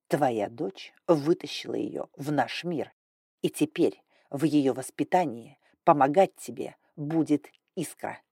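A woman's voice: sits low, measured pace, creaky, dark tone, breathy edge, no room sound, clean studio sound, pitched below the performer's own voice, full character voice. A woman reading an audiobook, voicing a stern, domineering male dragon lord with an icy, growling manner. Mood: commanding.

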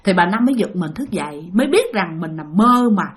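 A woman's voice: lowish voice, expressive, a little fast. A woman with a Southern Vietnamese accent narrating a ghost story in a chatty way, talking directly to her listeners.

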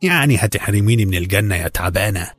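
A man's voice: fairly low pitch, fast, breathy edge, no echo, faint music behind. A man playing a stingy, sarcastic Egyptian husband. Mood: cold sarcastic. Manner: calm, dismissive, sarcastic. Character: stingy, cold middle-aged Egyptian husband.

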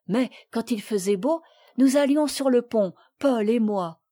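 A woman reading the part of a little girl who sadly recounts a shipwreck, in a gentle, measured voice. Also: on the high side. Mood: sad, earnest. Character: little girl recalling a shipwreck, sad and earnest. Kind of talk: audiobook reading.

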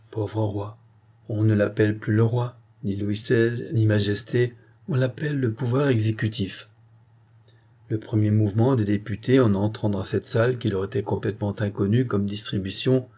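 Dude reading a classic novel out loud, dark mellow voice, kinda husky. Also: male voice, fairly low pitch, moderate pace. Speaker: audiobook narrator. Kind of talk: literary audiobook narration.

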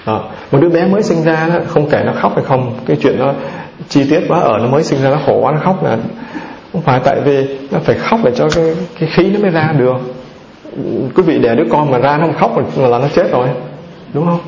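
Gravelly-voiced monk giving a dharma talk. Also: male voice, fairly high pitch, expressive, brisk, darkish tone. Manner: asks the audience questions and answers them himself; lists terms one by one. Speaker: Buddhist monk teacher. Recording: roomy, dull, slightly noisy recording.

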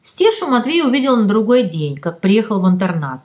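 Expressive woman reading a children's story. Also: medium pitch, fairly quick. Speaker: audiobook narrator. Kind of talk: scripted narration of a children's story.

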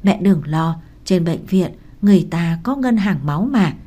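A worn-out young mother, read by a woman narrator, gentle and tired even when comforting others. The voice is lowish and mellow. An audiobook reading with little change from the narration. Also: normal speed. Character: exhausted young mother, worried but gentle.

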